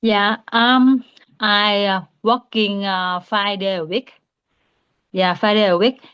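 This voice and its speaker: A hesitant woman from Vietnam speaks slowly and haltingly, often restarting her sentences. Her voice is smooth and clear in tone. The recording sounds muffled and lo-fi. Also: mid-range voice, steady tone, a bit bright. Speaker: student. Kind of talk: English speaking practice.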